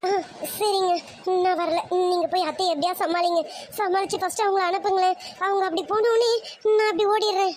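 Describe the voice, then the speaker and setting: A woman's voice: very high-pitched, steady tone, a little fast. A woman as a flustered lovestruck young woman. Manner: pleading, flustered. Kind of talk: amateur audio romance story.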